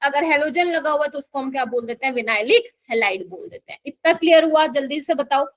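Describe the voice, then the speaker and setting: Brief: female classroom teacher, high-pitched, coaxing, keeps asking the class questions, dry recording. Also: a little fast, no room sound. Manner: coaxing, keeps quizzing students and calling them "my child". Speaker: chemistry teacher. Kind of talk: live classroom lecture.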